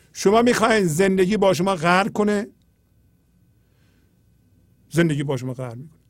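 High-voiced man teaching spiritual poetry. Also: dry recording, studio quality. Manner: earnest, explanatory, often drops to a low quiet tone. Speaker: host explaining poetry.

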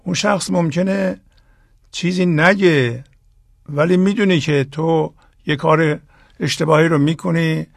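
Guy hosting, slow and deliberate, bit high for a man, gravelly. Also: no echo, studio quality. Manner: slow, deliberate, stresses key phrases. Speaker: host. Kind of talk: reflective talk to listeners.

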